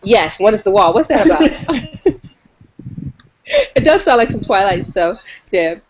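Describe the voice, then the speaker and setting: A woman's voice: medium pitch, very animated, a little slow, slightly rough. A woman co-hosting a casual online video chat, joking around and laughing often. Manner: laughs often, jokey and chatty. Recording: noisy online call audio.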